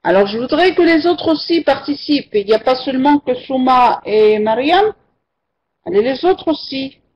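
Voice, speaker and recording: At normal speed, her high-pitched, animated voice carries a slight roughness. During this muffled, lo-fi online French class, she patiently repeats students' answers and sets them right.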